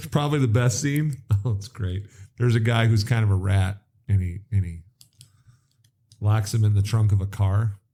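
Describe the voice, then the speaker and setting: A man's voice: lowish voice, steady tone, normal speed, mellow. A middle-aged man co-hosting a podcast, telling stories with enthusiasm in casual chat. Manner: enthusiastic storyteller. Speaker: podcast co-host.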